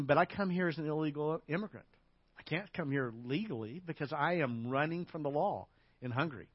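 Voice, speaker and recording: A male pastor tells his sermon like a story, chatty and anecdotal, pushing up into louder emphatic stretches. His voice sits a little high for a man. The audio is dull and lo-fi, with a dry, close sound. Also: no echo. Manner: conversational, anecdotal, with fillers; builds to louder, higher emphatic passages.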